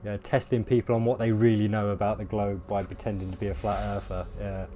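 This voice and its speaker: A man with a hoarse voice, chatting casually with viewers on a game livestream. He rambles and fills pauses with ums and uhs. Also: on the low side, flat delivery, warm tone, a little hiss or hum. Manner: rambling, many fillers, laughs at himself. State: losing his voice, coughing. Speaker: game streamer. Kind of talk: casual live-stream chat with viewers.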